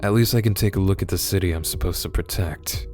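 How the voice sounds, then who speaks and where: A man's voice: low voice, fast, darkish tone, lightly acted. A man reading the lines of a jaded, bitter woman cop in a cyberpunk game, with a dry, sardonic delivery. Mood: weary. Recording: music playing behind.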